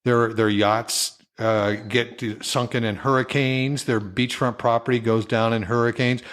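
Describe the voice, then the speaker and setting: A man's voice: medium pitch, steady tone, a little slow, fairly bright tone. A man hosting an interview show, chatting casually and eagerly chiming in with asides.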